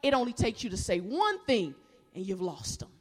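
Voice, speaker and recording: A woman's voice: medium pitch, moderate pace, slightly rough. A woman preaching a sermon, leading the congregation in call-and-response and acting out the people in her stories. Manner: animated storytelling, acts out quoted voices. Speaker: guest preacher. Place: large worship hall. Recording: echoey hall.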